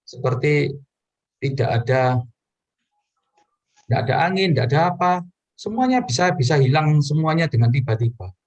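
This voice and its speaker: A man's voice: expressive, normal speed, long pauses. Earnest man preaching a testimony. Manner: earnest storytelling with sudden pitch rises; addresses listeners directly. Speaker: preacher giving a personal testimony. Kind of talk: sermon testimony to a congregation.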